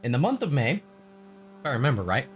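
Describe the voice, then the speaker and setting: A man hosting a video game let's play, thinking aloud in casual gameplay commentary with lots of pauses. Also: medium pitch, big pitch swings, slight background noise. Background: game music.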